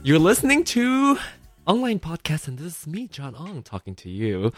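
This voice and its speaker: A man's voice: fairly high pitch, wildly swooping pitch, normal speed, dry recording, soft background music. A man in his thirties from Malaysia hosting a casual solo podcast from a home computer, rambling and giggly with many fillers. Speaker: podcast host.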